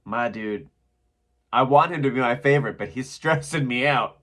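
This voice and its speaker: A man hosting a reaction video, chatting casually and excitedly while he watches. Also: medium pitch, normal speed. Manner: excitable, chatty, often laughing.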